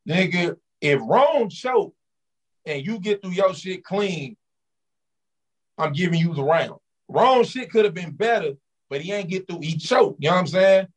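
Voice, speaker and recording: A man's voice: sits high, animated, measured pace, breathy edge, rough recording. A man speaking as a podcast guest in casual, opinionated slang, bluntly and with easy swearing.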